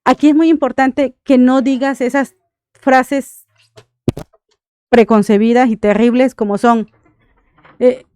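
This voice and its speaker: A woman's voice: high voice, fairly even intonation, slow pace, long pauses, darkish tone, smooth, dry recording. A Mexican woman, a thanatologist, giving earnest advice on a radio interview and often checking in with her listener. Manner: earnest, checks in with frequent "right?". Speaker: thanatologist guest.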